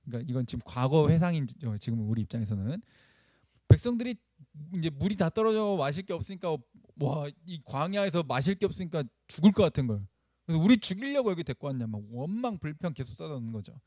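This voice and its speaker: Animated Korean pastor preaching a sermon. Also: male voice, fairly high pitch, fast, no echo, studio quality. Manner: animated, acts out quoted voices, asks the congregation questions; admits using blunt speech when excited.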